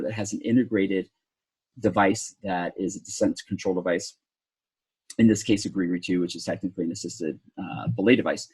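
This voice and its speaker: Husky-voiced man teaching rope rescue math. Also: on the low side, a little mellow, poor audio. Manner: explanatory, talks through calculations step by step with sarcastic asides. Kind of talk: technical lesson at a whiteboard.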